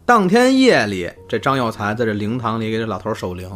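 A man hosting a storytelling podcast, narrating in a lively, chatty way with asides to his co-host. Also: on the low side, a little fast, soft background music.

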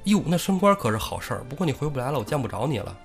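A man voicing a nervous elderly wife whose husband has died, with shrill, startled exclaiming. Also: very animated, very fast, vocal fry, faint music behind. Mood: wistful.

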